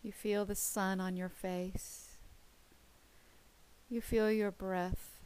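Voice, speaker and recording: A woman with a mid-range voice narrates a guided visualization. She speaks very slowly and deliberately, leaving space between short phrases. Her delivery is gentle and soothing, as a meditation leader. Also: mid-range voice, level tone, smooth.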